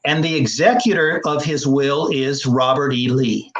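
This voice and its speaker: A man, a historian and genealogist, explaining history over slides in an interview, measured and explanatory with frequent fillers. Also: medium pitch, a bit bright, a little hiss or hum, rough recording.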